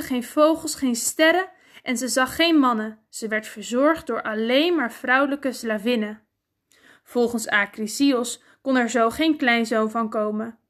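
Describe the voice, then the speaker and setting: A woman narrating a myth as a storybook reading, deliberate and expressive. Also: fairly high pitch.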